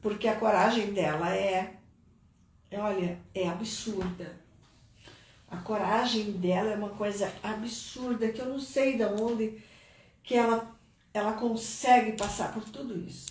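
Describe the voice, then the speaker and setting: With a Brazilian Portuguese accent, a middle-aged mother shares an emotional testimony about her child's cancer as a live stream guest, earnest and prayerful, her pitch rising when moved. She speaks a little slowly in a steady, slightly mellow voice. A distant mic makes the sound roomy, with a little hiss or hum.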